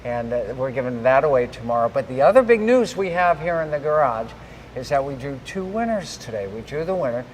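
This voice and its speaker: A man hosting a live giveaway stream, giving shout-outs and recapping in repeated announcer-like phrases. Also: medium pitch, sing-song, brisk. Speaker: host of a live giveaway show. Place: large garage with a stage. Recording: echoey hall with faint background noise.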